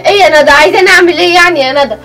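A woman's voice: very high voice, very fast, sharp tone, far from the mic, soft background music. A woman with an Egyptian accent playing an agitated young woman who keeps complaining tearfully in a family web drama. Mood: upset. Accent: Egyptian Arabic. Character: upset young woman harassed by a neighbor.

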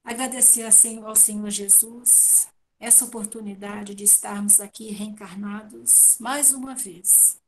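The recording is low quality, capturing a middle-aged Brazilian guest speaker's medium-pitched, fairly even and unhurried voice through a wired earphone headset. Speaking at home on a video call, she teaches a devotional spiritist talk on read passages, answering her own questions.

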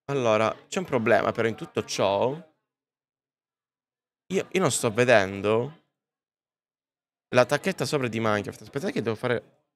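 A man's voice: medium pitch, lively intonation, normal speed, pauses often. Chatty male streamer on a podcast mic. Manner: chatty, addresses viewers directly. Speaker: livestreamer. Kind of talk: casual live-stream chat. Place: streaming booth at a comics convention. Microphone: podcast-style microphone.

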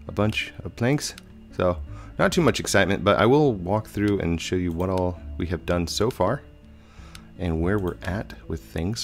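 A low-pitched man in his thirties hosts a gaming channel, giving casual let's play commentary as he plays, chatty and rambling with frequent fillers. A head cold leaves him slightly hoarse and congested, and he records on a headset mic at home.

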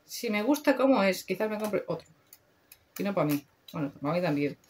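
A young woman from Spain talks through a makeup haul in a loose, chatty way, full of slang and casual swearing. Her voice sits at an ordinary middle pitch. A faint hiss of background noise runs under the recording. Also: lively intonation, moderate pace, darkish tone. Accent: Spain Spanish. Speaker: beauty vlogger. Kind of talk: casual product review.

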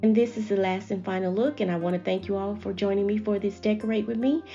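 A woman hosting a home decorating channel, gently chatting viewers through each step in a voice-over. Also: medium pitch, fairly even intonation, fast talker, lo-fi sound, soft background music. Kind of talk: voice-over narration of a decorating video.

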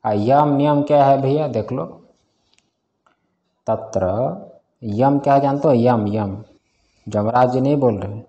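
A man's voice: mid-range voice, unhurried, dark tone, dull audio. A man teaching a scripture class in a casual way, often quizzing his students and chuckling. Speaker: Vedanta teacher.

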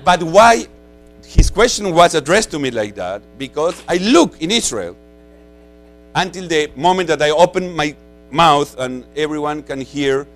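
A man's voice: fairly high pitch, animated, a little slow, faint music behind, low-quality recording. A man from Peru with a Spanish accent giving a conversational conference lecture, full of "you know" and repeated words.

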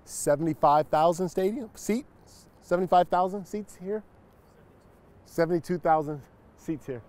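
A man's voice: sits high, normal speed. A man in his forties, a former football player, casually recounting memories while walking through an empty locker room and stadium. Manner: relaxed, reflective, animated when greeting a friend. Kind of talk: casual storytelling walk-and-talk.

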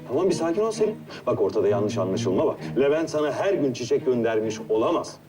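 An actor playing a calm, reassuring man who talks a frightened woman down with steady reasoning. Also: mid-range voice, fast, recorded from a distance, music in the background, lightly acted. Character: calm, reassuring senior man like an older brother. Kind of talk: TV series acting.

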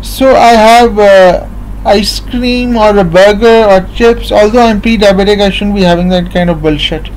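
A man's voice: sits high, moderate pace, darkish tone, slight background noise, low-quality recording. A man, talking to a webcam at home in a rambling, repetitive way full of fillers. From Pakistan. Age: late 20s. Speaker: vlogger. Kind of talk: casual monologue to camera. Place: small room at home, seated in armchair indoors. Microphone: built-in webcam mic at close range.

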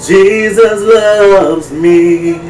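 A man's slow, drawn-out sung demo clip, played back through an old tinny radio filter. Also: high voice, a little mellow, a little hiss or hum. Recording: distant, roomy, with faint music.

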